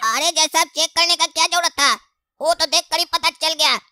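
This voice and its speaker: Woman doing a whiny high-pitched young man. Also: steady tone, moderate pace, bright, forceful tone, dry recording, raised voice, clean studio sound, full character voice. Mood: indignant. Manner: whiny, complaining, sarcastic.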